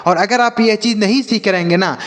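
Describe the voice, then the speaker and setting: Man, fairly high voice, children's reading teacher, spells out letters, repeats each word slowly, lingering reverb. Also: a bit bright. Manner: asks questions and answers them himself. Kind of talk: spoken lesson for children.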